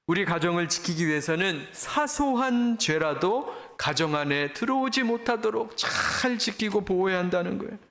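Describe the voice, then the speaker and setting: A senior pastor, a man, preaches in a high, ringing voice that carries through a roomy church hall. He talks straight to his listeners, pressing them with questions and urging them to look at themselves. The sound has the reverberant space of a sanctuary around it. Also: a bit bright. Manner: earnest, direct address to the congregation with rhetorical questions. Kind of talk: sermon.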